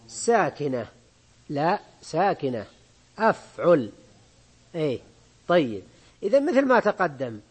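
A man gives a grammar lesson. He reads quoted passages slowly and with emphasis. He keeps stopping to ask his students whether they follow. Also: high-pitched. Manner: slow, emphatic reading of quoted text, checking in with listeners. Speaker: teacher of Arabic grammar. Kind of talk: classroom lesson reading and explaining a text.

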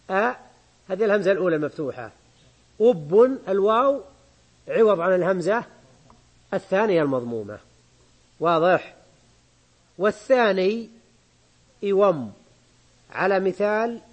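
A man teaching a grammar lesson, reading a text slowly and explaining it, often checking that his listeners follow. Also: sits high.

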